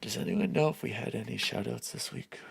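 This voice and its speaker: A man hosting a casual gaming podcast, chatting with his co-hosts and jumping in quickly. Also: lowish voice, creaky, noisy background. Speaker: podcast host.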